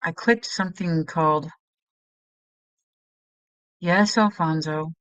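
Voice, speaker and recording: A woman's voice: deep voice, slow pace, fairly bright tone, clear, resonant tone, no echo, dull audio. A woman hosting a casual live stream, chatting in a scattered way and greeting viewers as hun.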